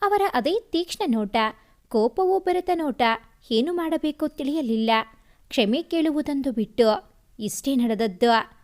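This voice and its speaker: High-voiced woman narrating a story. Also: a little slow. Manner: expressive, emotional reading.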